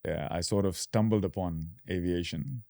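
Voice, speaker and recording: A man from Dubai in his thirties, a podcast guest talking casually and explaining his path with relaxed fillers. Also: low-pitched, normal speed, dry recording, clean studio sound. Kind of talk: casual interview.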